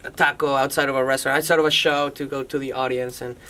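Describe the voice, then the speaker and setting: A man's voice: medium pitch, level tone, fast, pushed and bright. A man in a band, telling stories enthusiastically in a radio interview. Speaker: band member. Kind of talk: casual interview chat.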